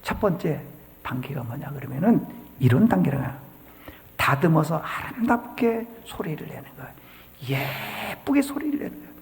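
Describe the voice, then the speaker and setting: A man's voice: on the high side, sing-song, normal speed, creaky, a little hiss or hum. A male pastor preaching a sermon, telling a story with dramatic flair and acting out the characters' lines, recorded in a church sanctuary. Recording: church hall reverb.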